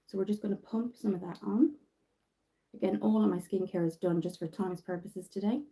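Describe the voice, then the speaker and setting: Irish woman, casual home makeup livestream, warm, rambling, chatty. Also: mid-range voice, steady tone, a little fast, rough recording. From Ireland. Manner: chatty, rambling, many fillers and restarts. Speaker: makeup vlogger. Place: bedroom at home.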